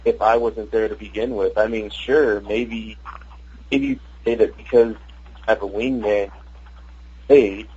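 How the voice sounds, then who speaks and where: Man, speakerphone held away, muffled phone line, husky, rambling halting storytelling. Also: on the low side, fairly even intonation, dark tone. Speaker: caller. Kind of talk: casual call-in chat.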